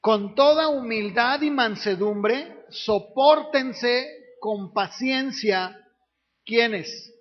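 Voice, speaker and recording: A man's voice: extremely high pitch, extremely slow. A man, a pastor preaching a sermon in a conversational way, often asking the congregation questions. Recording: dull lo-fi recording.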